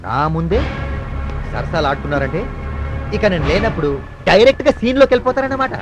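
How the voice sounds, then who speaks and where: An actor playing a jealous, suspicious husband who taunts sarcastically and shouts threats. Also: male voice, sits high, big pitch swings, fast talker, muffled recording. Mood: furious. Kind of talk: dubbed film dialogue. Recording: film soundtrack with music behind.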